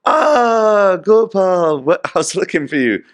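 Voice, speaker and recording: A man putting on an eager high-voiced sage. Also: sing-song, slow, full character voice. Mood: urging. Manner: insistent, urging, raised high voice. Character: eager male sage messenger summoning a devotee.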